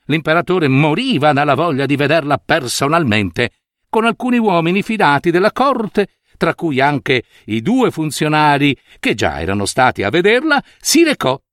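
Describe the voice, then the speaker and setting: A man reading a fairy tale aloud, expressive and playful, with occasional asides. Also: on the high side, normal speed, no echo, studio quality. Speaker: storyteller.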